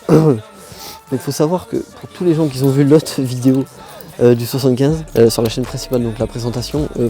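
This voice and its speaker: A man's voice: medium pitch, warm tone. A young man chats informally and slangily to viewers, as a motorbike vlogger outdoors. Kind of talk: casual vlog chat. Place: outdoors in a quiet wooded spot.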